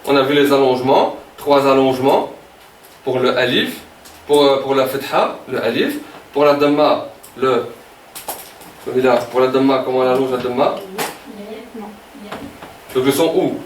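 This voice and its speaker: A man's voice: medium pitch, unhurried, pauses often, a little hiss or hum. A man teaching a beginners' Arabic class, often repeating words and checking with "ok?". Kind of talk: classroom lesson. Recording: echoey room, voice from a distance.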